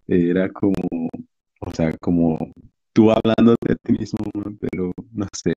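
A young man sharing a heartfelt personal faith testimony in a halting way, with casual slang. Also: on the low side, warm tone, no echo, lo-fi sound.

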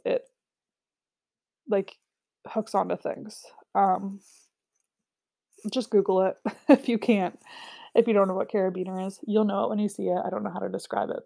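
A young woman talks her viewers through a product kit in an easygoing, chatty way, with many little fillers along the way. Her voice sits in an ordinary middle pitch but carries a gravelly fry and a dark, mellow color. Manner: chatty, filler-heavy, lists prices. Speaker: essential oil seller. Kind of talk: casual product walkthrough.

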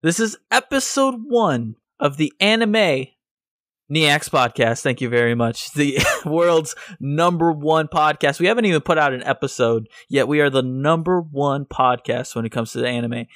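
A man's voice: medium pitch, normal speed, few pauses, fairly bright tone, no room sound, clean studio sound. A man hosting a casual podcast over an online voice call, joking, rowdy and swearing freely. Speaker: podcast host. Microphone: voice chat over an online call.

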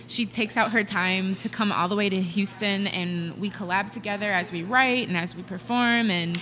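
A woman hosts casually with an upbeat, emphatic delivery. Her voice sits at a medium pitch, with faint music behind it. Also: normal speed, a bit bright. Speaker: podcast host, singer. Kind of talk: casual conversational hosting.

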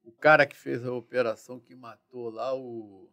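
A man, a former police chief telling war stories in a slangy, profane, animated way. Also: mid-range voice, normal speed. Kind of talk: casual storytelling interview.

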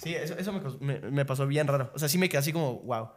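A man's voice: medium pitch, racing. A young man with a Guatemalan accent telling a story in a casual podcast chat, laughing often as he talks. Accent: Guatemalan Spanish. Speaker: youtuber guest.

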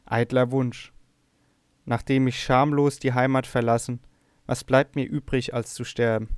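Despairing abducted princess, read by a man, raised lament, narrow pitch, dry. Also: flat delivery, normal speed, clean tone, dry recording, close to an everyday voice. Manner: lamenting, pleading, a little louder than the narration. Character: despairing young princess abducted to a strange shore.

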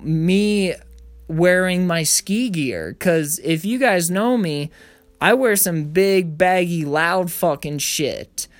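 A man's voice: fairly high pitch, no echo. A young man telling his own story in a casual, blunt monologue. He swears freely and rants about family frustrations. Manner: profane, blunt and ranting, mimics his parents in raised voices.

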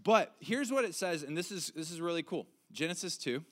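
A man's voice: a little high, animated, fairly quick. A man in his twenties preaching a sermon in a casual, candid way, often restarting and repeating words. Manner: casual, candid, stumbling repetitions. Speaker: pastor.

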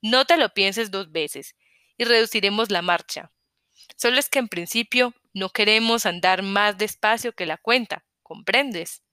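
A woman's voice: medium pitch, measured pace, pushed and bright, clean tone, no room sound, clean studio sound. A woman reading the part of a stocky male soldier who speaks in a friendly, apologetic way in an audiobook.

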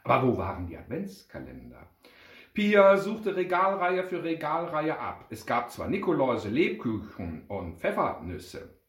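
Lively male storyteller, pitch roaming widely; roomy echo. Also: a little slow. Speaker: reader and club speaker. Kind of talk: reading a children's story aloud.

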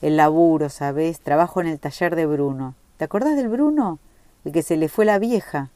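A woman's voice: sits low, animated, normal speed, mellow, no room sound. A woman reading a story aloud, voicing an exuberant, rambling young working-class man. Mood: boisterous.

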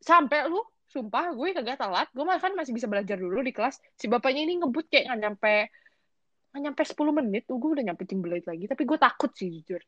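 A young woman, co-hosting a podcast and telling a story in casual, slangy, animated chat. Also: high voice, no echo, dull audio. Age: young adult. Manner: animated, slangy, quick bursts of excitement. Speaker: podcast co-host.

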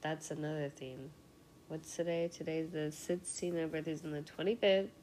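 A woman's voice: low-pitched, fairly even intonation, moderate pace, a little mellow, a little hiss or hum. A young woman hosting a casual solo podcast, sick and rambling, swearing freely and laughing often. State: sick with a cold, congested voice. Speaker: podcast host.

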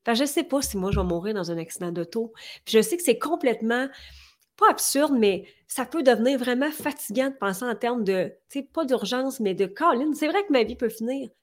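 A woman's voice: a little high, animated, a little fast. A woman in her forties with a Quebec French accent, earnestly talking as a guest in an interview and firing off rhetorical questions. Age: 40s. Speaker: podcast guest. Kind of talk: conversational interview.

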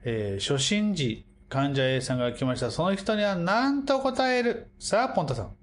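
A man's voice: high-pitched, sing-song, moderate pace. A man with a Kumamoto accent hosting a casual podcast chat among acupuncturists, joking and slipping into broad dialect.

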